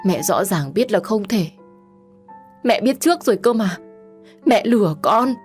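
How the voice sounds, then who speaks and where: A woman's voice: a little slow, darkish tone, soft background music, natural voice. Woman voicing a sobbing, heartbroken young wife. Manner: tearful, pleading, rising to shrill outbursts. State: crying.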